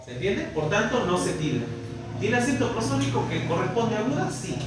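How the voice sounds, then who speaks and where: A man's voice: high voice, very animated, fairly quick, heavy reverb, far from the mic, background noise. A man with an Argentine accent teaching a language class, explaining step by step and often asking the students if they follow. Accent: Argentine Spanish. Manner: explains step by step, checks understanding with frequent questions. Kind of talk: classroom lesson.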